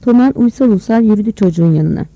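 A narrator reading a village story aloud in a steady, measured storytelling manner. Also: medium pitch, vocal fry, no room sound, dull audio. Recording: dry close recording.

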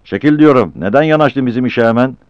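A man doing a rough young porter shouting. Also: medium pitch, fast talker, no room sound, dull audio, voice pushed up, natural voice. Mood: quarrelsome. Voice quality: loud, coarse, scolding. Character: rough young male village porter, quarrelsome.

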